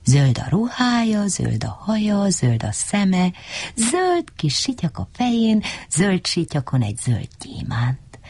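A woman reading a children's story aloud as storyteller, animated and playful, with sound effects and character voices. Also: on the low side, breathy edge, no room sound.

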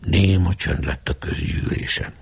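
A man narrating a storybook with an expressive, scripted reading. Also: sits low, creaky, slightly rough. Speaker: audiobook narrator.

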